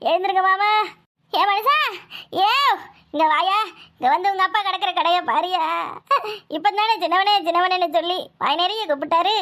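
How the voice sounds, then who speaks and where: A woman doing a shrill wailing cartoon daughter-in-law. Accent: southern Tamil Nadu village dialect. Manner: sobbing, loud lamenting. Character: wailing village daughter-in-law, scheming, theatrical. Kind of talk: cartoon voice acting.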